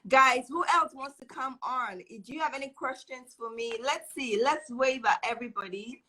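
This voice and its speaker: This live online show host has a high, pushed, bright voice and talks at a normal speed over a low-quality recording. Chatting casually, she gushes encouragement at her guest and keeps repeating herself.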